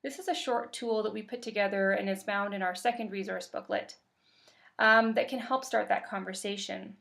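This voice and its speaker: A workshop facilitator from Canada delivers a webinar in a medium-pitched, gravelly voice. She is calm and measured, with occasional fillers.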